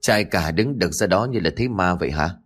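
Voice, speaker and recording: A man voicing a gruff older father who scolds his grown son. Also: sits low, expressive, a little fast, a bit bright, faint music behind, voice pushed down, full character voice.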